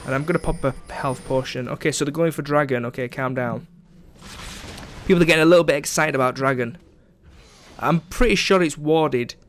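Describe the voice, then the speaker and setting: A man's voice: a little high, a little fast, a little hiss or hum. Chatty sarcastic young man commenting gameplay. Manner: chatty, sarcastic, mocks teammates, frequent ums. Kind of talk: casual game commentary.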